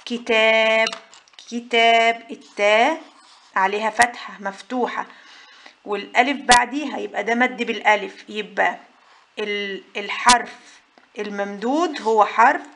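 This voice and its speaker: A woman's voice: medium pitch, moderate pace, fairly bright tone. A woman with an Egyptian Arabic accent teaching a patient lesson, asking questions and answering them herself. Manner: patient, asks and answers her own questions. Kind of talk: whiteboard lesson for mothers.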